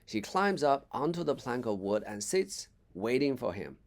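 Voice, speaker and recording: A man reading a children's story aloud as an English teacher, expressive with small slips and asides. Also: medium pitch, moderate pace.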